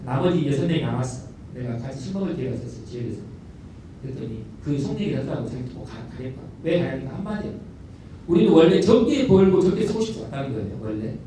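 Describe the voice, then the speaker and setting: A middle-aged man, a school principal telling stories in a lecture, animated and repeating words for emphasis, recorded from a distant mic in a large lecture hall. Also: mid-range voice. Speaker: elementary school principal giving a talk. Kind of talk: storytelling lecture. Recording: echoey hall, distant mic, faint noise.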